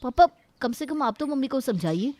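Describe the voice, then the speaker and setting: A woman's voice: high voice, animated, normal speed, a little mellow, pitched above the performer's own voice. A woman voicing a protective, indignant young brother in a cartoon story. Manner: indignant, pleading, argumentative.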